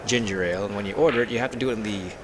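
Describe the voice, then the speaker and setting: Chatty low-voiced male pool commentator. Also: racing, background noise. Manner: chatty, joking, tells anecdotes. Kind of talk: live stream play-by-play commentary.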